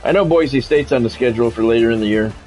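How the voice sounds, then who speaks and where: Over faint music and poor audio, a man with a medium-pitched, slightly mellow voice talks quickly. He streams a video game football match, mixing announcer-like play-by-play with wry grumbles and the odd curse.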